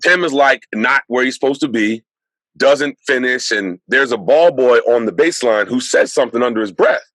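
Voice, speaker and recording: A man's voice: mid-range voice, moderate pace, a bit bright, no room sound. A man co-hosting a casual sports podcast, a former pro player who tells stories and keeps affirming with "right.".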